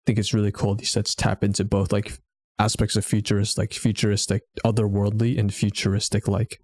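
A man's voice: lowish voice, monotone, brisk, darkish tone, no room sound. A man hosting a podcast, chatting casually and leading the discussion in a laid-back way. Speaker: podcast host.

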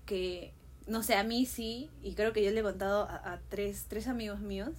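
A young adult woman in casual podcast chat, a lively storyteller who acts out quoted shouts. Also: medium pitch, normal speed.

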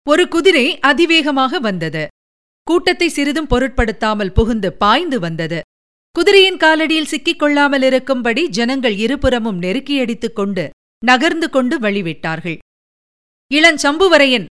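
A woman narrating a historical novel in steady, even storytelling. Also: sits high, moderate pace, smooth.

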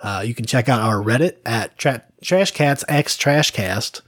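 Male podcast co-host, relaxed rambler, close dry mic. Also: mid-range voice, a little slow, slightly rough, dry recording. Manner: rambling, hedging with fillers. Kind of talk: casual podcast chat.

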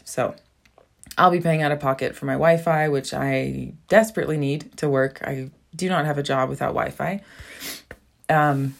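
A young woman, a native English speaker with a low-pitched voice, hosts a casual solo podcast from a small bathroom at home. She rambles, using lots of fillers and laughing often.

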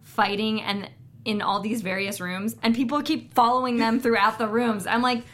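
A woman co-hosting a casual theater discussion, sharing fun facts in an animated way. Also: fairly high pitch, moderate pace. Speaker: podcast co-host. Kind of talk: casual chat.

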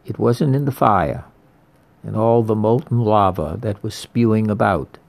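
A man preaching a slow, deliberate sermon, repeating his key phrases for weight. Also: lowish voice, creaky, a little mellow. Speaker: priest.

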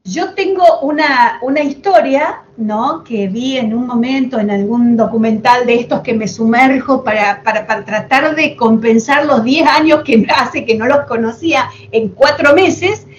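A chatty woman hosts the conversation, spinning stories with fond little asides. Her voice sits fairly high. The recording is a bit dull, with a faint hiss underneath. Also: measured pace, hardly any pauses. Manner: chatty, affectionate, animated storytelling with asides. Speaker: podcast host. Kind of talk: casual chat.

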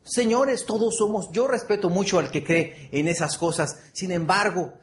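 A man's voice: sits high, moderate pace, a little hiss or hum. A man giving a motivational speech to an audience, earnest, repeating phrases and asking the audience for agreement. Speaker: motivational speaker.

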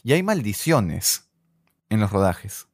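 A man's voice: lowish voice, slow pace, no room sound, clean studio sound. A man, co-hosting a casual podcast about filmmaking and telling stories with jokes. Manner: animated storyteller, joking. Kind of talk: casual chat.

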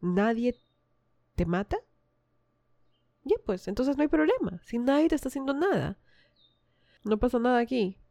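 A woman's voice: on the high side, very animated, normal speed, vocal fry, long pauses, mellow, no echo, pitched above the performer's own voice. A woman voicing a group of dim-witted male giants who shrug off a neighbor's cries. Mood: dismissive. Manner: clueless, offhand.

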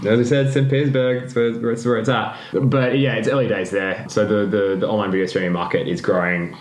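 A man's voice: on the low side, flat delivery, fairly quick, a little hiss or hum. A man co-hosting a podcast in casual chat, rambling and laughing often as he corrects himself. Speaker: podcast co-host. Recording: roomy echo.

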